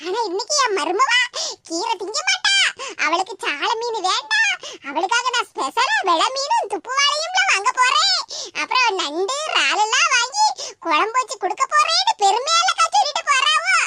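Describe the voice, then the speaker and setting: A woman voicing a squeaky, wailing village housewife. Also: very animated, moderate pace. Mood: gossiping. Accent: Tirunelveli Tamil. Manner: wailing, self-pitying complaints mixed with gossip. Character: gossiping village housewife, aggrieved and dramatic. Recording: noisy with clicks.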